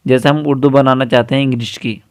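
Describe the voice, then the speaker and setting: A man's voice: medium pitch, fairly even intonation, fast, darkish tone, no room sound, studio quality. Patient man explaining an app step by step. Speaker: tutorial host. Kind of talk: screen-recorded app tutorial.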